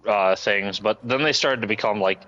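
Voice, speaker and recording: Chill guy streaming games, lots of laughs, kinda bright voice, dull lo-fi sound. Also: lowish voice, normal speed, dry recording. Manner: laid-back, rambling, laughs often. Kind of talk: casual chat while gaming.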